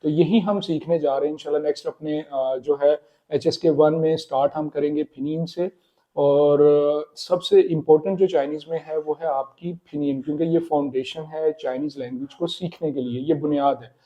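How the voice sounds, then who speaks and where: A man explaining Chinese pronunciation in a casual spoken lesson, repeating words slowly. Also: on the high side, fairly even intonation, highs cut off. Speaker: Chinese language teacher.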